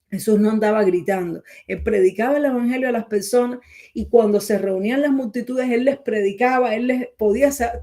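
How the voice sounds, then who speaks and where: Earnest Spanish-speaking woman preacher, higher voice. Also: mellow. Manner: earnest, repeats points for emphasis; addresses listener as brother. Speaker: Bible teacher. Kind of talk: Bible teaching sermon.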